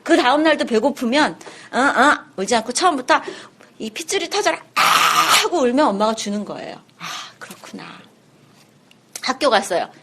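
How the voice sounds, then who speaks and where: Animated woman giving a seminar lecture. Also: fairly high pitch, normal speed, heavy background noise. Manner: animated, acts out little scenes, asks the audience questions. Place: seminar room.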